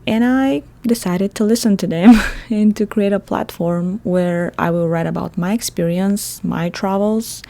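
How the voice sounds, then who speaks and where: A woman's voice: mid-range voice, a little slow, creaky, warm tone. A woman in her thirties from Bulgaria, with a Bulgarian accent, hosting a solo podcast in a chatty manner and laughing often. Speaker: podcast host.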